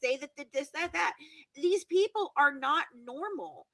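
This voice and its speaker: A woman guest in a video-call interview, speaking emphatically, repeating words for stress and correcting herself quickly. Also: high voice, animated, pushed and bright, dry recording, poor audio. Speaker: guest true-crime commentator.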